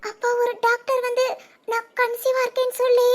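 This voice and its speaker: A woman's voice: extremely high pitch, completely flat delivery, moderate pace. A woman playing a frightened young pregnant wife who stammers and hesitates in a village family drama. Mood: fearful.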